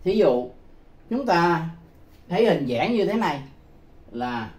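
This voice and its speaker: A man explains a lesson slowly and deliberately, his fairly high voice rising and falling widely. He repeats key words and fills gaps with hesitant sounds, in an echoey room. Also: big pitch swings, darkish tone. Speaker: teacher.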